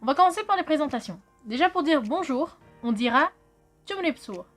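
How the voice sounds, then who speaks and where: High-voiced chatty French-born woman teacher. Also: lively intonation, fairly quick, faint music behind. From France. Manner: chatty, swears, jokes with friend. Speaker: video host teaching Khmer. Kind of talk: casual educational vlog.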